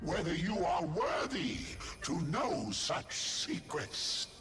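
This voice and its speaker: A solemn video game demon who judges the worthy. The delivery is theatrical and extremely slow, with a raised pitch that swings widely through formal phrases. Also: male voice, very animated, music in the background, full character voice. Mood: grandly testing.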